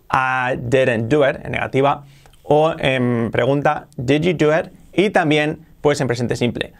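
A man teaching English grammar in casual Spanish, repeating English example sentences slowly and clearly. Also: on the high side. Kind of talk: explaining grammar to learners.

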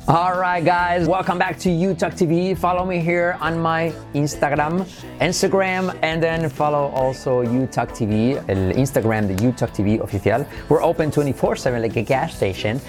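Energetic bilingual teacher. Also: male voice, on the high side, unhurried, soft background music. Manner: energetic, repeats drill phrases, switches between Spanish and English. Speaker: English teacher, channel host. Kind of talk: bilingual English pronunciation lesson.

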